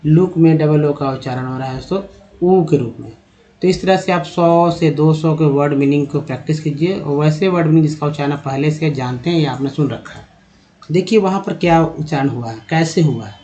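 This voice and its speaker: A man giving a spoken English lesson, reading each word slowly, spelling out its letters and repeating it, and often calling his viewers friends. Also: a little high, dark tone, highs cut off, a little hiss or hum. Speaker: English teacher.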